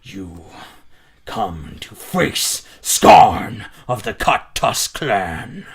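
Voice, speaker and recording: A game master voicing a huge, proud male orc warlord, his booming loud voice echoing through a keep in slow, bellowing taunts. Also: sing-song, gravelly, a crowd in the background, exaggerated voice. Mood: taunting.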